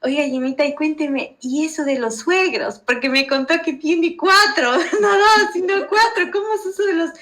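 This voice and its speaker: Bright, upbeat woman podcast host. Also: sits high, normal speed, hardly any pauses. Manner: upbeat, laughs between questions. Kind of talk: casual interview.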